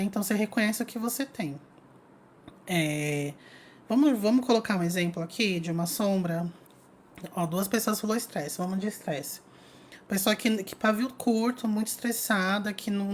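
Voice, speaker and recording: A young adult woman chatting to her online audience, telling a personal story in a lively, casual way. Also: medium pitch, normal speed, slight background noise. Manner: lively, chatty, addresses viewers as "gente". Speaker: spiritual content creator.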